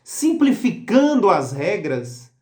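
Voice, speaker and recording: A man's voice: high voice, big pitch swings, takes it slowly, mellow. A man giving a grammar lesson for exam prep, emphatic and explanatory, asking rhetorical questions. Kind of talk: recorded lesson. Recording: roomy echo.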